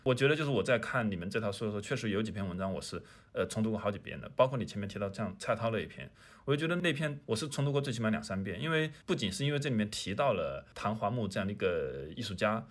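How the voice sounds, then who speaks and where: A man hosting a casual podcast, talking in long, reflective turns. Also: fairly low pitch.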